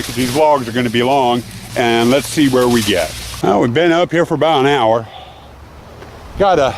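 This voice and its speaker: A man's voice: on the high side, slight background noise. A man hosting a casual vlog outdoors, chatty and laughing at his own jokes. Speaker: vlog host. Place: outdoors in a cornfield.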